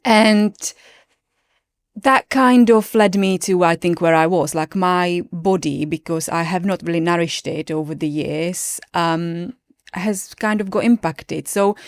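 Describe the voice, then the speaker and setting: In a dry, studio-quality recording, a late-thirties yoga teacher with a Czech accent, originally from the Czech Republic, is a guest on a podcast for a casual chat. Her lowish voice is smooth, and she reflects earnestly, often starting sentences over.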